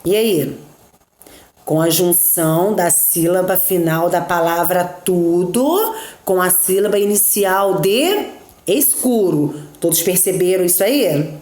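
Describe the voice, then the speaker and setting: A woman teaches a lesson in a slow, unhurried way, counting syllables aloud one at a time. She keeps checking that her students are following along. Her voice carries a roomy echo. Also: lowish voice, lively intonation, a little mellow. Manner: slow and patient, checking in with frequent "tá?" and "né?". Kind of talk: recorded remote class, going through textbook exercises.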